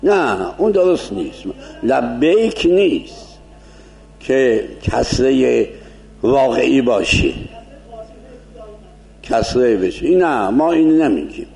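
A man teaching a seminary lecture as a cleric, explaining points and slowly demonstrating Arabic pronunciation. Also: mid-range voice, big pitch swings, gravelly, a little mellow, reverberant.

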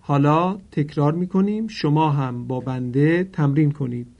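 A man gives a formal pronunciation lesson for Quran recitation. His voice sits a little high. He explains politely, then draws out each example word slowly for his students to repeat. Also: darkish tone, lo-fi sound. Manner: formal and polite, drawing out Arabic example words slowly for repetition.

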